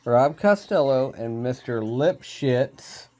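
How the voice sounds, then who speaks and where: A man reading a storybook aloud, unhurried, with small slips he laughs off. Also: mid-range voice, animated, mellow.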